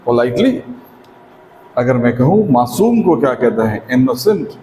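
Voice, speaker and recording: A man with an Indian accent teaching a spoken English lesson, explaining step by step and often asking if it is clear. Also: medium pitch, sing-song, unhurried, warm tone, slight background noise. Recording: echoey room with long reverb.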